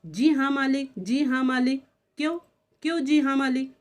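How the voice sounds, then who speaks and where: A woman's voice: sits high, normal speed, natural voice. A woman reading as an angry scolding employer. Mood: sputtering angry. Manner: loud, trembling, indignant scolding. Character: angry middle-aged male employer scolding his maid.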